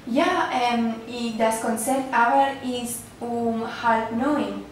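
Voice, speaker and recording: A woman from Barcelona, a beginner German student who talks hesitantly with many pauses in a classroom role-play dialogue. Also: on the high side, a little hiss or hum. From Barcelona, Spain. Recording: echoey classroom, far from mic.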